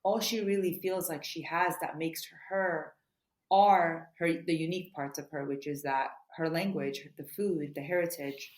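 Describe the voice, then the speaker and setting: A woman author answering interview questions in an earnest, quick way, often saying "you know". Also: low voice, steady tone. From United States. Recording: roomy echo.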